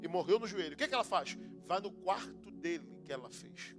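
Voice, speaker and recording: A Brazilian man preaching as a pastor in a church, building from low storytelling to shouted preaching, then praying. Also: animated, fairly quick, music in the background. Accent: Brazilian Portuguese. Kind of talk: Pentecostal sermon and prayer. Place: church sanctuary.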